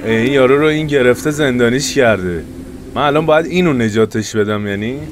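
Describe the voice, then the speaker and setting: Jumpy Persian-speaking gamer man. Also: medium pitch. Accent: Iranian Persian. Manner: jumps from loud panicked yelps to hushed tense muttering. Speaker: gaming YouTuber. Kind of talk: let's play commentary.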